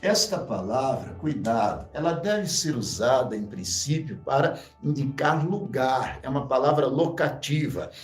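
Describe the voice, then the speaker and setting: Deliberate male grammar teacher, roomy echo. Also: mid-range voice, expressive, recorded from a distance, faint music behind. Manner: slow, deliberate, repeating key points. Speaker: Portuguese language teacher. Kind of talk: livestream grammar lesson.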